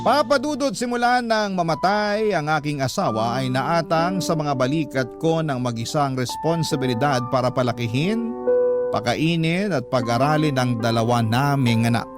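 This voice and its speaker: A man calmly reading a listener's letter aloud in first person as a radio storyteller. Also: fairly high pitch, moderate pace. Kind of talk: scripted radio narration. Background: background music.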